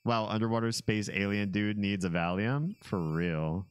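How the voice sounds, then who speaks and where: A man's voice: on the low side, normal speed, clear, resonant tone, no echo. A man giving casual gameplay commentary with wry, joking asides. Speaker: gamer playing and commenting.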